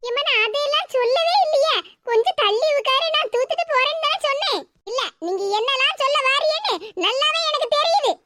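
Put-upon cartoon housewife, pleading, tirunelveli tamil accent, high voice, woman voicing her. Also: animated, a little fast, very noisy. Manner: pleading, mildly scolding. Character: patient hardworking young wife doing housework.

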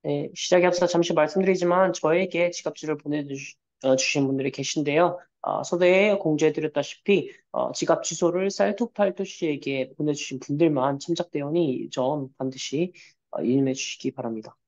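A man's voice: fairly high pitch, racing, a little mellow, lo-fi sound. A man interpreting a webinar consecutively, polite and formal with hesitant fillers. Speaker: Korean interpreter.

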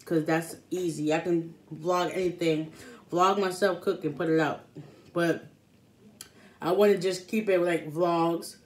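With a lowish, darkish voice, she keeps a steady tone and a measured pace. She's a thirties-aged mukbang vlogger chatting casually to the camera as she eats, talking between mouthfuls, and the clear indoor recording from her small home room carries some room noise.

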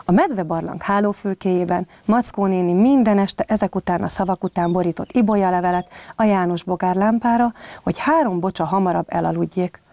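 A woman kindergarten teacher reading a story aloud to young children. She speaks gently and plainly, recorded at home. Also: on the low side, no echo.

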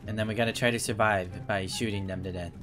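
Male gamer, casual chatty commentary, quick laughs and curses, game music under the voice. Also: fairly low pitch, fairly even intonation. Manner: laughs often, swears freely. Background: game music and gunfire.

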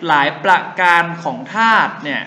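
A young male chemistry tutor teaches a class at normal speed in a pushed, bright voice with a roomy sound. He drills memory tricks in a sing-song chant and calls himself their big brother.

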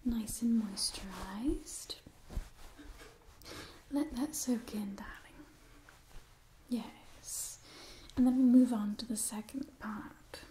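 Here a young adult woman whispers as a proud, affectionate vampire who never dies, slightly high-voiced and breathy, coaxing in a slow, polished way with a touch of command. The audio is poor: the close-miked whisper carries clear hiss and soft clicks. She sits on a small indoor set against wood, the mic kept out of view.

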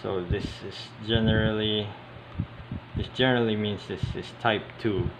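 A man with a fairly low voice gives a casual, unscripted show-and-tell at a tabletop indoors as a hobbyist video host. He speaks hesitantly, pausing often mid-sentence. A steady, loud air-conditioning hiss and handling clicks fill the background.

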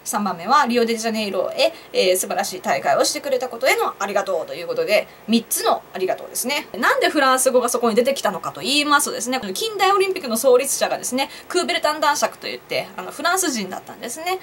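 A woman's voice: a little high, big pitch swings, rapid-fire, few pauses, a bit bright, a little hiss or hum. A young woman vlogger chatting on her own to viewers, laughing at her own jokes and asking them questions. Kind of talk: casual solo commentary to camera.

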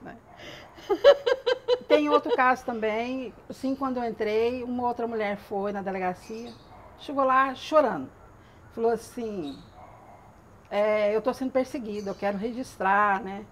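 A Brazilian woman who works at a women's police station chats casually on a TV show, an animated storyteller sharing funny anecdotes and laughing often. Her voice is fairly high and unhurried, with long pauses and a little hiss or hum.

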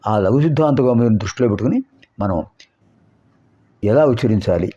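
A man teaching a Sanskrit lesson, explaining grammar and slowly repeating sounds to show how to pronounce them, with rhetorical questions. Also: mid-range voice, expressive, dark tone. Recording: dull lo-fi recording.

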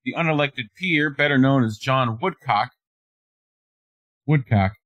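A man co-hosts a talk stream. His voice is of middling pitch and recorded close and dry. He reads news articles aloud and keeps breaking off with laughs and wry asides. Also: a little slow, a bit bright, dry recording, lo-fi sound. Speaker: co-host. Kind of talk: reading news aloud and commenting.

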